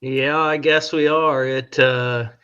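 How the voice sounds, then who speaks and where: Podcast co-host, man, crisp bright voice, relaxed halting delivery, muffled lo-fi audio. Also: medium pitch. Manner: easygoing, halting with fillers. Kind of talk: casual chat. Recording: dull lo-fi sound.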